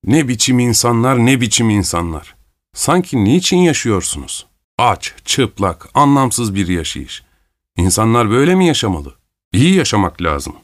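A man reading a story aloud, voicing a smug, gruff peasant coal carrier who lectures in a droning tone. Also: mid-range voice, sing-song, moderate pace, no echo, clean studio sound, close to an everyday voice. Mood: scornful. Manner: droning, lecturing, self-satisfied.

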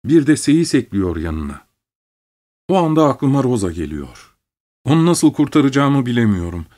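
A man narrating a literary story in the first person, reading at a measured pace. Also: mid-range voice, big pitch swings, dark tone.

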